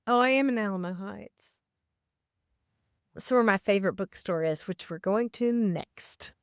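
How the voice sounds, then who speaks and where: A woman's voice: mid-range voice, unhurried, clean tone, no echo, studio quality. A woman hosting a casual travel vlog, chatty and upbeat, talking straight to her viewers, with some scripted voice-over. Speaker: vlog host.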